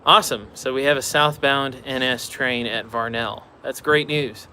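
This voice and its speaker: A man's voice: medium pitch, fairly even intonation, moderate pace, sharp tone, a little hiss or hum. A man hosting a casual live stream outdoors beside railroad tracks, chatting offhand and answering viewer questions.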